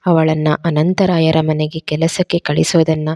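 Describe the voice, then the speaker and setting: Woman narrator voices a biting, sarcastic aging father; low, mellow tone. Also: flat delivery, measured pace, dry recording. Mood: bitter.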